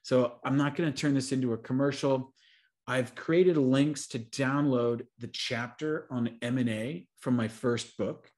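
A man's voice: medium pitch, fairly even intonation, a little slow, darkish tone. A man in his forties, a venture capital investor, talking fluently on a video call from a room at home with bookshelves. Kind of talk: webinar presentation and Q&A answers.

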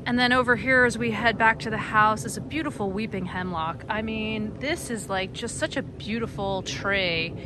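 A middle-aged woman from the United States, who blogs about gardening, shows off her backyard garden on a casual, upbeat walking tour. Her voice sits in the mid range, and the outdoor phone recording picks up background noise. She chats freely, with frequent fillers and small laughs.

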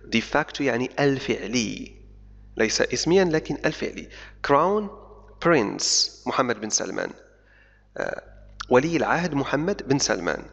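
Male English tutor with a gravelly voice; reads news lines slowly and explains each one. Dull, reverberant recording. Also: mid-range voice, big pitch swings, fairly bright tone. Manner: pauses with fillers and corrects his own slips. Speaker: English teacher. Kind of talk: reading a news article aloud and explaining it. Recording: dull lo-fi sound with long reverb.

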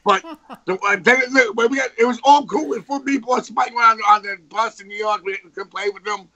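A man in casual chat, talking excitedly with many stumbles and restarts. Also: extremely high pitch, a little fast, lo-fi sound. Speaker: podcast guest musician.

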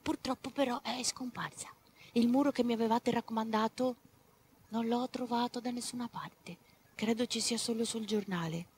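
A woman voicing a polite male rabbit reading out his own letter in a soft, hushed way. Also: a little high, steady tone, normal speed, slight background noise, natural voice. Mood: confiding.

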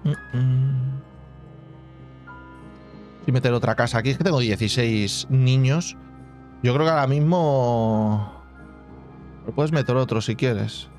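A man talks his way through a building game in relaxed, chatty commentary, thinking aloud and filling pauses with hummed sound effects. His voice sits at an ordinary middle pitch. Faint game music plays underneath. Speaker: gaming channel host. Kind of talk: casual let's-play commentary.

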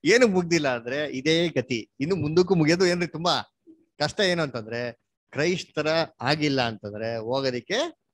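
A man's voice: fairly high pitch, expressive, moderate pace, dry recording. Dry-voiced questioning male Bible teacher. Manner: questioning, prompts listener to answer and read verses; mixes English words into Kannada. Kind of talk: interactive Bible study lesson.

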